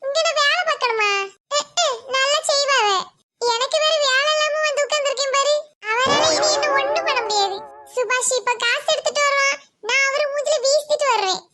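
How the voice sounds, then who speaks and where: A woman's voice: very high-pitched, sharp tone, slight background noise. A woman voicing a young cartoon girl stuck at a shop, who pleads and later turns cheeky and mocking. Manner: pleading, then cocky and mocking.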